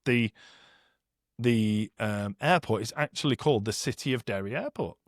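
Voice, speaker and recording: Casually chatting on his podcast, a middle-aged man spins jokey stories and laughs along at them. He speaks at medium pitch and normal speed, with clean studio sound and no room noise.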